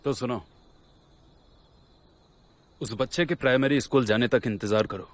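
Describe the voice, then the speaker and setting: An actor playing a former guardian spirit who mocks and scolds, often dropping to a hushed voice. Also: male voice, mid-range voice, unhurried, lightly acted. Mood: mocking. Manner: scolding and mocking, drops to hushed tones. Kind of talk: Hindi dub of a drama series.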